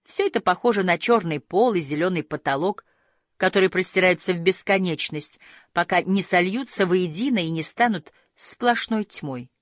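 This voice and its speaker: A woman narrating a storybook in a gentle, measured reading that slows at quiet moments. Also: on the low side, lively intonation, no room sound, studio quality.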